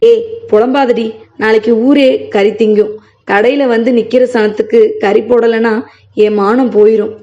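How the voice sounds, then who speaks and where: A woman's voice: fairly high pitch, fairly even intonation, measured pace, mellow, natural voice. A woman reading as an angry older butcher. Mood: gruff, scolding. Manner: gruff, scolding, bitter. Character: angry older village goat butcher, a man. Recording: muffled lo-fi recording.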